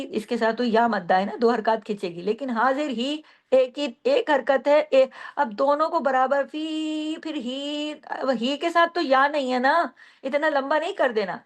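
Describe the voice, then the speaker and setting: A woman teacher giving a recitation lesson. She explains each rule patiently, then models the words slowly and carefully. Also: high voice. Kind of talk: slow step-by-step recitation lesson.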